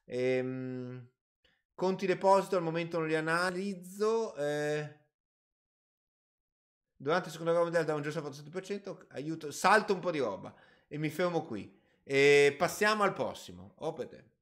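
A man's voice: a little high, lively intonation, moderate pace, a bit bright. A man hosting a casual live stream about personal finance, reading viewer questions aloud and answering off the cuff with hedges and asides. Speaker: finance channel host.

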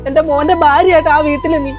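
A high-pitched, tearful mother-in-law, played by a woman in a homemade short drama, pleading and remorseful. Soft music runs underneath her voice. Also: fairly even intonation, quick pace, natural voice. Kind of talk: amateur short-video drama. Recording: music playing behind voice.

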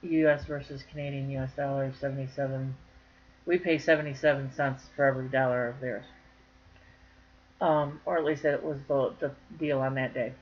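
A woman's voice: very deep voice, fairly even intonation, normal speed, lo-fi sound. Chatty woman vlogging, folksy and joking. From northern Michigan. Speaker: crochet vlogger. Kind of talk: casual chat to camera.

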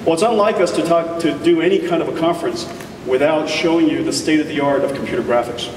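A man's voice: fairly high pitch, far from the mic, noisy background. Man giving a keynote in an echoey hall. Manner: enthusiastic, deliberate with emphatic pauses. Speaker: keynote speaker. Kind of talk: tech keynote presentation. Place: large conference hall stage. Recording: echoey hall taped from audience.

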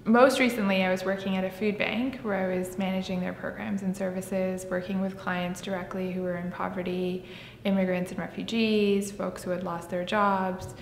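Flat-toned woman from Pakistan, echoey room. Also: moderate pace. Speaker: program alumna, human rights worker. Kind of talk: interview answers. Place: indoor room with shuttered window. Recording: echoey hall-like room with faint rumble.

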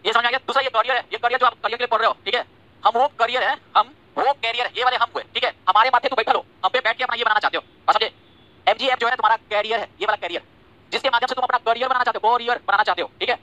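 A man teaching English vocabulary in a live class, talking quickly and checking over and over that the students follow. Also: very high voice, steady tone, sharp tone, no echo, low-quality recording. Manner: rapid, repetitive checks like "ठीक है?" and "समझे?"; scolds and teases students by name. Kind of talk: online class lecture in Hindi and English.

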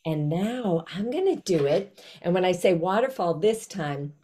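An older woman with a slightly low voice teaches young children over a video call. She explains things in simple steps and gives encouraging instructions, as an author speaking to a class. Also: animated, unhurried, mellow. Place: small indoor room at home. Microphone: video call, computer mic at desk distance.

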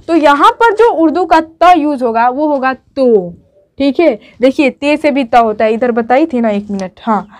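A woman teaching how to write letters at a board, patiently repeating each step and checking in with her students. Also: high voice. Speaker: Urdu teacher. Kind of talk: whiteboard writing lesson.

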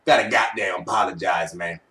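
Man putting on a raspy smoker's voice, drawling. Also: low-pitched, a little fast, pushed and bright, pitched below the performer's own voice. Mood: mock regret. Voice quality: raspy smoker's rasp, throaty. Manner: exaggerated, drawling, profane. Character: hoarse gravel-voiced smoker man apologizing, mock-gruff sports fan. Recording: home webcam, slightly distant mic.

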